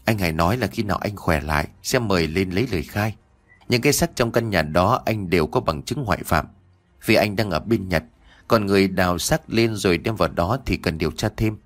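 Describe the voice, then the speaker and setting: A man's voice: deep voice, fairly quick. A man voicing an injured, grief-stricken young husband in an audio story, distraught and self-blaming. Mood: gentle.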